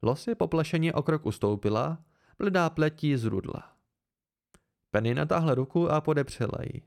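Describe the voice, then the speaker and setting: A man reading a novel aloud as an amateur audiobook, in an even, measured way. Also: fairly high pitch, vocal fry. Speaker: audiobook reader.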